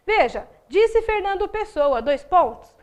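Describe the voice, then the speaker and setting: Brazilian woman, very high voice, patient teacher walking through grammar points. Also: sing-song, a little slow. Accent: Brazilian Portuguese. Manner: explanatory, frequent tag questions. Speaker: Portuguese teacher. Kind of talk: recorded video lesson.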